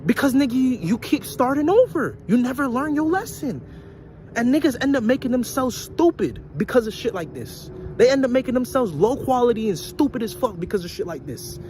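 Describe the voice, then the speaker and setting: A man's voice: extremely high pitch, very animated, fairly quick, darkish tone, slight background noise. A young man giving a blunt, profane motivational rant to his viewers, repeating his points and preaching about intelligence and life lessons. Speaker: vlogger.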